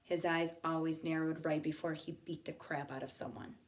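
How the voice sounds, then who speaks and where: A woman teacher reading a novel aloud to her students, expressive, pausing for asides to the class. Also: deep voice.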